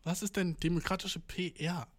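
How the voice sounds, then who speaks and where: A young man talking in a fairly high voice, reacting to news on stream. He is slangy and profane, sprinkling in English words and putting on mock voices for the countries he talks about. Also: fairly even intonation, normal speed. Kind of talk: casual reaction commentary.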